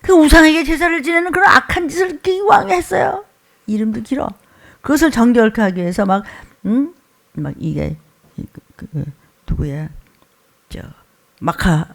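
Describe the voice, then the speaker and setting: A woman pastor preaching a sermon in a church, animated and acting out the crowd's shouts as she searches aloud for words. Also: on the high side, a little fast, gravelly.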